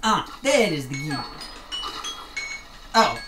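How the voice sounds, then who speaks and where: Streaming a game at her desk at home, a woman keeps up casual, joking commentary, slipping into put-on accents and answering the game. Her voice sits low and is very animated, slow-paced, and heard over music. The room sounds roomy, with a faint hum.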